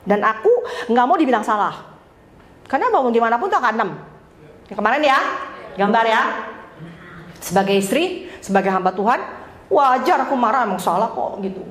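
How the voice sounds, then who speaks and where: A woman pastor giving a conversational sermon, telling a personal story with lively storytelling and frequent laughter, acting out dialogue. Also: on the high side, fairly quick, pauses often. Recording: echoey church hall, faint room noise.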